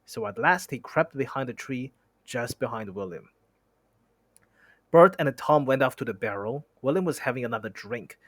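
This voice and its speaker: A young man reads a novel aloud at an even, ordinary pitch, now and then tripping over a word or stopping to chat about it. He sits close to the mic, and the sound is dry with no room echo. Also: moderate pace. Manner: reads steadily, stumbles on words and stops to comment. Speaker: streamer reading a novel aloud. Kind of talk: reading a book aloud with asides.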